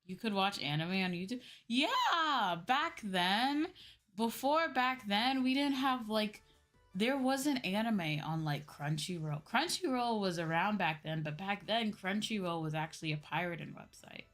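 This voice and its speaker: A young adult woman VTuber keeps her livestream chat casual, speaking in a mid-range voice with lively intonation and a fairly bright tone at an unhurried pace. Background music plays as she often checks in with "right?" and "you know."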